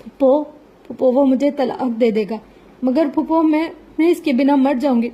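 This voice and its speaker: A woman's voice: high voice, steady tone, lo-fi sound, pitched above the performer's own voice, close to an everyday voice. A woman voicing a terrified young wife who cries and stammers as she pleads. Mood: sobbing plea. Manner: stammering through sobs. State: crying.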